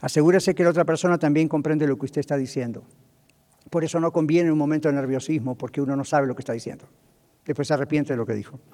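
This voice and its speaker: A man's voice: fairly high pitch, fairly even intonation, fast, warm tone. A man preaching as a pastor on marriage communication, often checking in with his listeners and acting out quoted speech. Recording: long hall reverb.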